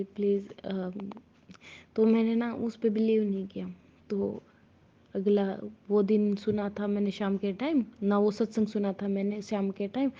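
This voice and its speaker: A woman's voice: medium pitch, dark tone. A woman, likely in her thirties, telling a personal devotional testimony to a congregation, hesitant with frequent restarts. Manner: hesitant, restarts often, addresses listeners as sangat ji. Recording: dull lo-fi recording.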